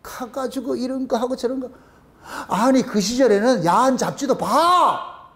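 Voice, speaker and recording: A middle-aged male pastor preaching a sermon in a colloquial, animated way, with rhetorical questions and bursts of laughter. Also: very high voice, measured pace.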